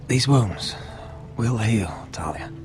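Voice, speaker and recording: A man's voice: fairly low pitch, moderate pace, lightly acted. A man playing a wounded, weary young lord, subdued and terse, in a dramatic fantasy video game. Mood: pained, hushed. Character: gravely wounded young lord, weary, stoic older brother. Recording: loud music behind the voice.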